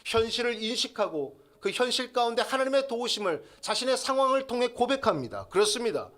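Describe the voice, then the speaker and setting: A man's voice: very high-pitched, sing-song, a little fast, a bit bright. A man preaching a sermon as pastor, with rising emphatic peaks, leading the congregation in call-and-response.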